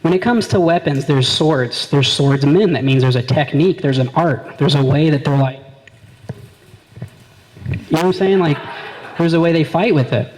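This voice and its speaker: On stage at a comedy venue, a young man delivers a rambling, brash stand-up set, acting out his friends' voices before a live audience. His voice is a little high and darkish, at a moderate pace with frequent pauses, and the room recording is poor.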